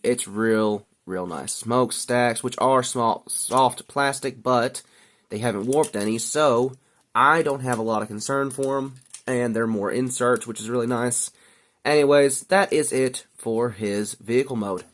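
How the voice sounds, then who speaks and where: A man's voice: mid-range voice, measured pace. A man giving a casual, enthusiastic toy review, rambling a little and out of breath.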